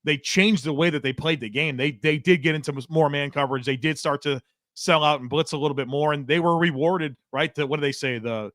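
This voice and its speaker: A man on a sports podcast, talking football in an excitable, emphatic casual way. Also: a little high, brisk, no echo, studio quality. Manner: excitable, emphatic, says he is catching his breath.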